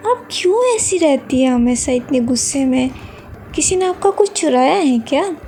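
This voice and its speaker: A woman's voice: high voice, expressive, moderate pace, mellow. A woman voicing a cheerful, teasing young male student in a storybook reading. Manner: playful, chatty.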